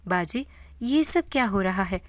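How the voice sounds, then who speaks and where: A woman's voice: medium pitch, lively intonation, dry recording, lightly acted. A woman voicing a man, a greedy and cowardly younger brother who pleads in panic. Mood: anxious.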